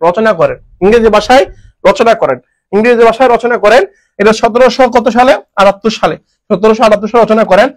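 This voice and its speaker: Male online grammar tutor, high quick voice, repetitive and jokey. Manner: repetitive, asks and answers his own questions; jokey, homely dialect forms. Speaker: teacher.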